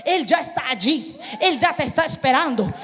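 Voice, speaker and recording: A woman's voice: high-pitched, animated, moderate pace, fairly bright tone. A woman preacher delivering a fervent sermon, firing rhetorical questions and calling for responses from the congregation. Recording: long reverb of a large hall.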